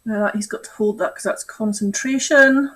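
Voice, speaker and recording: Game master: woman, fairly high voice, chatty, thinks out loud. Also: normal speed, slightly rough, rough recording. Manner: chatty, thinks aloud with restarts. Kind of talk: narrating a tabletop game.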